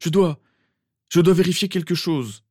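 A man voicing an anxious, insistent young male wizard with a hoarse voice. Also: fairly high pitch, sing-song, moderate pace, dark tone, no echo, clean studio sound, pitched above the performer's own voice.

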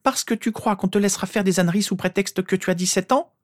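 A man's voice: sits high, big pitch swings, a little fast, mellow, husky, no room sound, studio quality, pitched above the performer's own voice, exaggerated voice. A man voicing a stern, worried mother who scolds her son sharply. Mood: scolding.

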